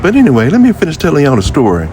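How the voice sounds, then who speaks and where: A Jacksonville vlogger in his fifties, with a Southern American accent, tells a personal story outdoors beside an old building near a highway. His voice sits a little high and swings hugely in pitch as he talks rapid-fire over background noise. He addresses his viewers directly in a casual, folksy, conversational way.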